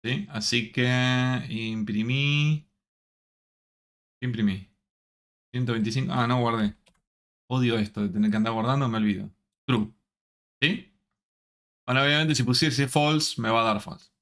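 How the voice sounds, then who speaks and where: A man's voice: mid-range voice, a bit bright. A man teaching a live online programming class, checking in with the students at nearly every step. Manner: slow, checks in often with the students.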